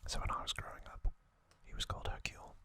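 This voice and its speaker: The host of an ASMR trivia channel whispers in a breathy, unvoiced way, reading and commenting. The phrasing is hushed and deliberate, with long pauses.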